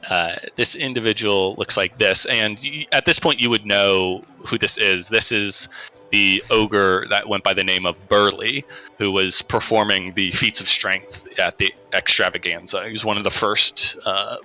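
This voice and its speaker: A man running a tabletop game as game master, narrating in an informal, halting way. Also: lowish voice, fairly even intonation, sharp tone, soft background music, rough recording.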